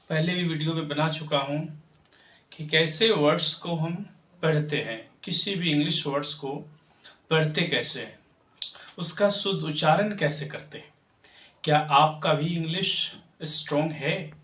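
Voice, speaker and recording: Slow-talking man teaching pronunciation. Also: a little high, fairly bright tone, far from the mic. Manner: spells words letter by letter slowly, repeats corrections; addresses viewers directly with rhetorical checks. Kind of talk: spoken language lesson. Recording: echoey room, voice from off mic.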